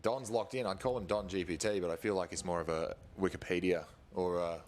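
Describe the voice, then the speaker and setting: Casting note: Australian male sports commentator, very low voice, chatty and jokey. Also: fairly even intonation, brisk, slight background noise.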